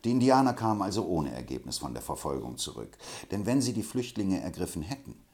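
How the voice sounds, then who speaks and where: A man narrating an audiobook in a low, measured storytelling manner. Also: very animated, a little mellow.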